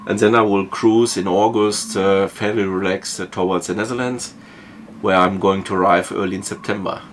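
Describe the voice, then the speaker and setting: A low-voiced German sailing vlogger talks casually to camera while planning a voyage, explaining each step in a measured way with small fillers. He starts in a wood-panelled boat saloon and later moves on deck in a marina, and a little hiss or hum is audible.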